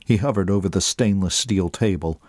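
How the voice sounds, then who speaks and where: Measured low-voiced male audiobook narrator. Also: darkish tone, no echo, clean studio sound. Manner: measured, slowing on dramatic beats.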